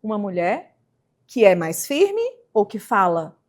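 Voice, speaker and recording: A Brazilian woman hosting a casual interview podcast. She thinks out loud in a reflective way and keeps checking in with "né". Now and then she jumps to a sharp, emphatic rise to drive a point home. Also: medium pitch, sing-song, measured pace. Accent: Brazilian Portuguese. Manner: reflective, with frequent "né" tags and sudden emphatic rises. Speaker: podcast host.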